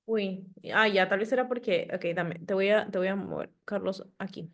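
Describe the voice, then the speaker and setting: A woman coordinating a virtual class over a video call, sorting students into groups in a brisk, practical way. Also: mid-range voice, creaky.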